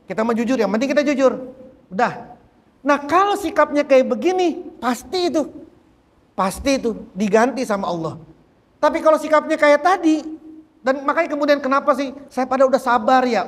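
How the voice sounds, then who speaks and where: A man teaching a religious book study, animated and repeating phrases as he drives a point home. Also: very high-pitched, in a large hall. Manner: animated, repeats phrases, acts out quoted speech. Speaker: Islamic teacher.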